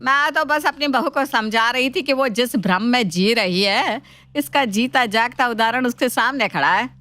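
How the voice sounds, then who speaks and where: A woman voicing a scheming, sharp-tongued mother-in-law who taunts and mocks her daughter-in-law in a cartoon story. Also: a little high, normal speed, no echo. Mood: taunting. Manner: taunting, mocking. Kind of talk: cartoon voice acting.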